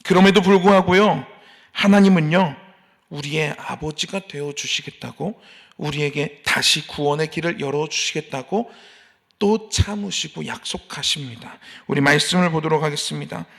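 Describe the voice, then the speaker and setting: At an early morning service in a church sanctuary, a pastor preaches a sermon, building into emphatic appeals and acting out complaining believers. His voice is fairly high, creaky, and a bit bright, delivered at a moderate pace.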